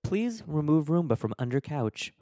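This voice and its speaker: A man imitating a glitching robot vacuum that beeps and repeats error messages in a clipped, high robotic voice, in a casual podcast chat. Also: sing-song, moderate pace, warm tone, no room sound, studio quality. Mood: flat robotic.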